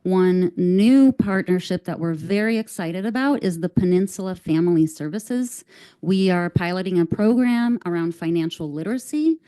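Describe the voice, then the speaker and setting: A woman's voice: lowish voice, mellow, clean tone. Earnest woman presenting to a board. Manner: measured, earnest, with occasional "um". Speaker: district staff presenter. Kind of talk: formal presentation at a school board meeting. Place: school board meeting room.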